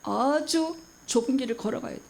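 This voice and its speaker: A middle-aged woman preaching a sermon in a fairly high voice. She is emphatic and keeps putting questions to her listeners. She also acts out the voices she quotes. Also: brisk, gravelly, a little mellow. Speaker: pastor.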